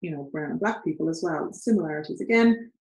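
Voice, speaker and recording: Talking fast in a low, slightly mellow voice, this Irish co-host in her thirties chats casually at home with real earnestness. She's thoughtful and laughs between her points. The recording, made by a distant camera, carries the echo of her sitting room.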